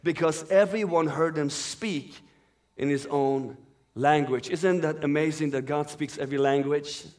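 Delivering a sermon as a visiting speaker, a man originally from Iran who grew up in Sweden, with Farsi as his mother tongue, reads scripture with earnest, smooth flow. He sounds a little high and slightly mellow, keeping a steady tone and a measured pace.

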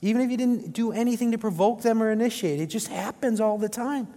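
A man's voice: sits high, fast, dark tone. A male pastor preaching a sermon to his congregation, often asking them rhetorical questions. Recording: long reverb of a large hall.

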